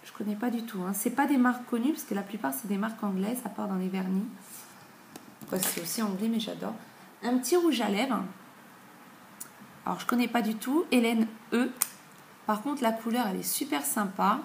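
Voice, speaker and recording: A beauty vlogger in her thirties chats casually about beauty products, using plenty of fillers. Her fairly high, gravelly voice moves at a normal speed with long pauses. The room is echoey, with faint noise.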